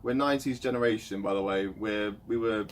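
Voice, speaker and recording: A man's voice: fairly low pitch, fairly quick. Young male host, chatty and meandering, faint noise on the track. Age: 20s. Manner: chatty, rambling with fillers. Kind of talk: casual chat. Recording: light background noise.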